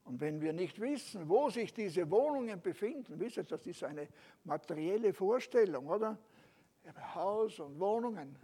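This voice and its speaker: A man preaching a sermon, emphatic, slowing on stressed phrases and dropping soft at the ends, turning to listeners with rhetorical asides. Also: high voice, lively intonation, husky.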